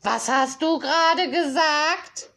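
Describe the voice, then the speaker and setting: A strict school official speaks sternly and briskly in a high, clear register, voiced by a woman reading a storybook aloud. She scolds with firm emphasis, and the delivery stays unhurried overall. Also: a bit bright, heavily acted.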